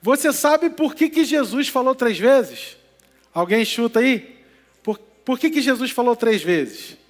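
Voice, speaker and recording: High-voiced preacher, lively sermon. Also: male voice, a little slow. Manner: animated storytelling with jokey asides and questions to the congregation. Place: church. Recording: reverberant church hall with music underneath.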